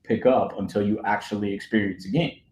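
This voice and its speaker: A man's voice: fairly low pitch, fairly quick, a little mellow. A man, a stadium announcer, telling stories with enthusiasm and frequent laughs in a casual interview. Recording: roomy echo.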